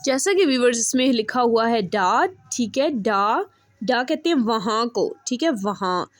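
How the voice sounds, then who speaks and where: A woman teaching an online language lesson, repeating each example word slowly and checking in with her viewers again and again. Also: a little high, lively intonation, no echo. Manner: repeats words slowly and says "ठीक है" often.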